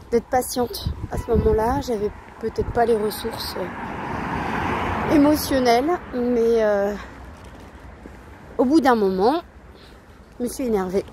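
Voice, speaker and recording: A woman's voice: fairly high pitch, warm tone, a little hiss or hum. A woman in her thirties, a parenting coach, talking in a casual vlog with many hesitations and restarts, outdoors at night.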